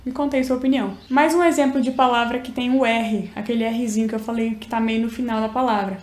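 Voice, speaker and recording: Young Minas-accented woman, teacher vlog, higher voice, echoey room. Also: steady tone, fast, a little mellow. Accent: Minas Gerais Brazilian Portuguese. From Minas Gerais, Brazil. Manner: chatty, explains and demonstrates pronunciations. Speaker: English teacher.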